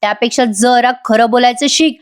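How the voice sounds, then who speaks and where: A woman's voice: on the high side, fairly even intonation, normal speed, natural voice. A woman reading the lines of an angry young husband scolding his wife for lying. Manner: reproachful, interrogating.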